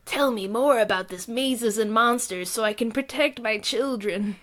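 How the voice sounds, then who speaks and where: Nerdy concerned mom, protective of her kids, a woman doing a quick voice. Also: fairly high pitch, fairly bright tone, close to an everyday voice. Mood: worried.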